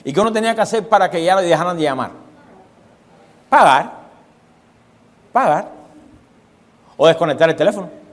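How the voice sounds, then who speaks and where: A male pastor delivers an emphatic sermon in a slightly high voice, repeating key phrases and throwing rhetorical questions to his listeners. His words ring out with the long reverb of a church hall. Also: expressive, very fast.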